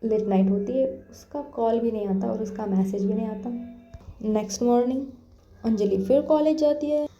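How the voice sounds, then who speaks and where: A woman's voice: a little high, normal speed, mellow, soft background music. A woman narrating a story in a chatty, casual way, with slangy asides to her listeners. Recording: dull, roomy lo-fi recording.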